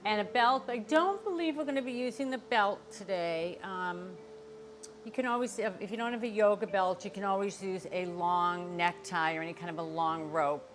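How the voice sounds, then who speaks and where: A woman's voice: medium pitch, normal speed, a little hiss or hum. An older woman, teaching a yoga class as instructor and explaining things encouragingly, straight to her viewers. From Boston area, United States. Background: music.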